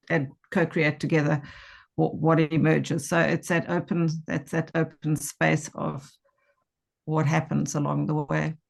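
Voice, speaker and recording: A woman with a low, noticeably gravelly voice shares her thoughts in a reflective, conversational way. She is tentative, often pausing to rephrase. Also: a little mellow. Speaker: workshop participant and research student.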